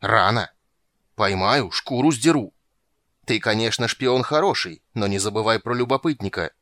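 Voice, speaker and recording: A man reading a story aloud and voicing an irritable, blustering male sea king who shouts and grumbles. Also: lowish voice, normal speed, dry recording, studio quality. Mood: grumbling menace. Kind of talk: audiobook reading.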